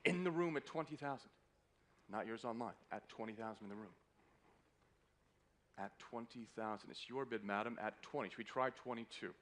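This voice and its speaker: A man auctioning fine art calls a live sale in a hotel auction room, his courteous patter constantly restating the bids. He speaks at normal speed with long pauses, in a mid-range, slightly bright voice.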